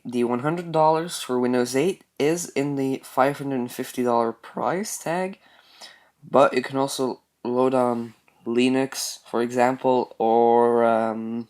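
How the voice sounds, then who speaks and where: Young male tech vlogger, mid pitch, relaxed and unpolished, filler-heavy. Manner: relaxed, many ums and restarts. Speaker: tech video creator. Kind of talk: casual product walkthrough.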